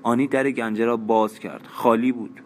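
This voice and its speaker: A man narrating an audiobook in a measured, even reading. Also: medium pitch, slight background noise.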